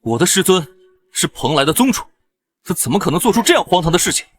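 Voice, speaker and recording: Brief: a self-righteous senior disciple, high and lively, reproachful. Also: male voice, quick pace. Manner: reproachful, warning. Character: loyal young male senior disciple, rash, self-righteous. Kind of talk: dubbed costume drama acting.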